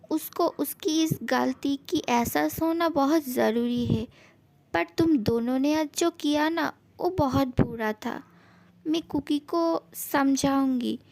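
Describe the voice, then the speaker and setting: A woman's voice: high-pitched, gravelly, a little mellow, exaggerated voice. A woman voicing a stern young man who scolds firmly but cares, in a fan-fiction story. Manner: firm, scolding.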